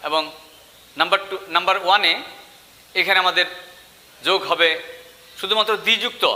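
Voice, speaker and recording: In an online grammar lecture, a male English teacher with a Bengali accent goes slowly and deliberately, spelling out each word form one at a time. His voice is high and very bright, and a long hall-like reverb trails after his words.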